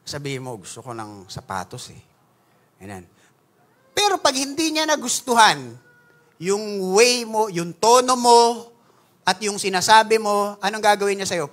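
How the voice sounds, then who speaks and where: A young man with a Filipino accent delivers a conversational sermon. His voice sits high and sounds bright and forceful. He keeps it animated and playful, often asking the congregation questions. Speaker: pastor.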